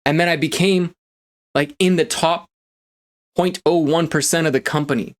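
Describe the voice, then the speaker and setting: A man speaking as a motivational coach in a casual, energetic monologue, emphatic and full of fillers, swearing now and then for emphasis. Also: fairly high pitch, normal speed.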